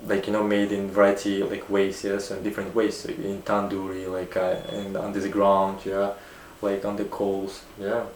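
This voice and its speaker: A young man from Uzbekistan answers interview questions as a guest, hesitating with many fillers and restarts. His voice is low-pitched and monotone at a moderate pace, recorded in an echoey room with a little hiss or hum.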